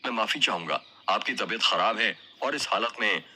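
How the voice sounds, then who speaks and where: A man's voice: lowish voice, normal speed, bright, forceful tone, slightly rough, heavily acted. A man playing a polite young police inspector in an audio story, speaking respectfully and formally.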